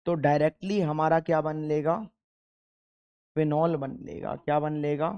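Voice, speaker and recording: Emphatic male teacher, smooth voice. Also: on the high side, little pitch movement, measured pace, muffled recording. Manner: emphatic, keeps repeating key points and asking the class questions. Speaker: chemistry teacher. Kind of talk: exam-focused classroom lecture.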